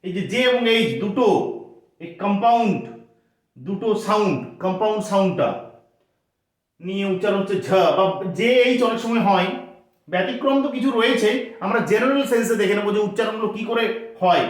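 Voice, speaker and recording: A man teaching pronunciation, slow and patient, repeating each sound several times. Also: high voice. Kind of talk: spoken language lesson. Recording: very echoey room.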